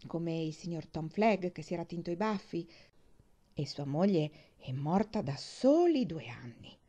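A woman reading a novel aloud in an expressive, varied way. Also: lowish voice, unhurried. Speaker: audiobook reader. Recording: dull muffled recording.

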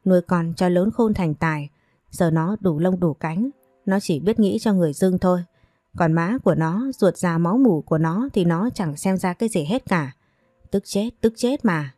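A woman's voice: fairly low pitch, moderate pace, warm tone, no room sound, clean studio sound, close to an everyday voice. A woman voicing a bitter, domineering older mother who scolds and wails in self-pity.

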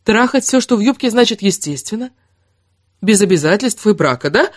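A man voicing a sharp-tongued, sarcastic young woman in an audiobook, talking loud and biting. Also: sits high, very animated, moderate pace, no echo, studio quality, pitched above the performer's own voice. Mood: scornful. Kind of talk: audiobook character reading.

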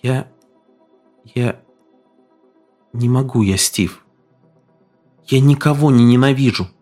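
A man voicing a gentle young woman who speaks softly and haltingly. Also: on the high side, animated, husky, faint music behind, voice pushed up. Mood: quiet, tearful. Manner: soft, halting. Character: gentle soft-spoken young woman, quietly firm.

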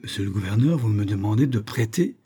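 A man's voice: fairly low pitch, lively intonation, a little fast, mellow, husky. A man voicing a miserly old male moneylender who whines and laments, in a storybook reading. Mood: whining. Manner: wheedling, lamenting.

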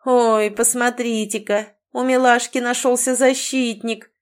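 A woman voicing a big, scarred male bandit who talks in a slow, sneering, taunting way. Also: on the high side, natural voice. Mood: menacing.

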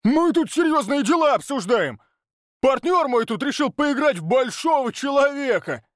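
Audiobook: a man playing a hysterical shouting partner, strained high yells, dry room. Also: wildly swooping pitch, slow pace, no room sound, full character voice. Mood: enraged. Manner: yelling, hysterical. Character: furious shouting male business partner. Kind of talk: audiobook narration.

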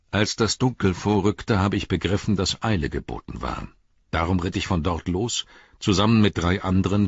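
A man's voice: sits low, slightly rough, no echo, muffled recording, full character voice. Man voicing a dutiful young captain. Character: dutiful young male captain, calm and restrained. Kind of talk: audiobook character reading.

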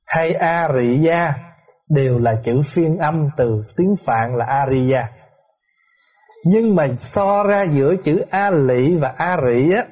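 Monk, mellow dull-recorded voice. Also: male voice, fairly high pitch. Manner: patient explaining, asks rhetorical questions. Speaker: Buddhist monk teaching. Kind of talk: dharma talk answering questions.

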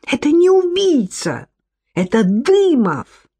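A woman voicing an indignant young amateur sleuth who shouts shrilly in a rage. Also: high-pitched, big pitch swings, slow, voice pushed up, heavily acted. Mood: urgent.

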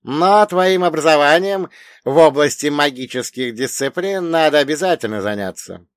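A man plays a learned, long-dead grandfather who lectures in a mocking, grumbling way, pitching his voice a bit above his own. His voice is slightly high and natural, at a moderate pace, in a clean studio recording with no echo.

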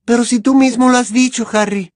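A woman's voice: a little high, steady tone, brisk, a little mellow, dry recording, studio quality, natural voice. A woman voicing a clever, anxious teenage girl witch who talks with urgent earnestness. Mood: urgent, pleading.

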